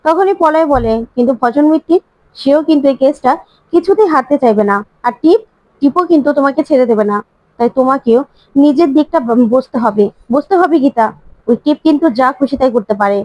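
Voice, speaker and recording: High-voiced woman retelling a soap plot. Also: a little fast, no echo, highs cut off. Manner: acts out every character's lines, rising into excited and pleading outbursts. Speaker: narrator. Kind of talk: serial drama recap storytelling.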